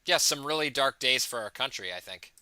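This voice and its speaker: A man's voice: medium pitch, lively intonation, brisk, bright, forceful tone, dry recording. A man hosting a casual live election commentary stream, rambling with fillers and reading out viewer comments. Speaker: livestream host.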